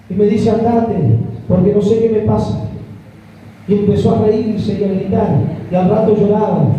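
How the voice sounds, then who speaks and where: Fervent high-voiced Argentine preacher, echoey hall. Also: male voice. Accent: Argentine Spanish. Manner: fervent, repetitive address to the congregation. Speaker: pastor. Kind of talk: sermon. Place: church hall. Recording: echoey hall from far off, dull.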